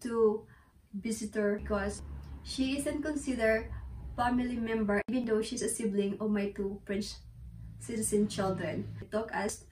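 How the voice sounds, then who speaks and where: A young Filipino woman with a Filipino accent, chatting in a home vlog and giggling between sentences, recorded by a camera across a small room. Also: medium pitch. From Philippines. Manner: giggly, chatty, slow and explaining. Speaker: vlogger. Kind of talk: casual vlog. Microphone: camera at a distance. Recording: echoey room, voice a little far from the mic.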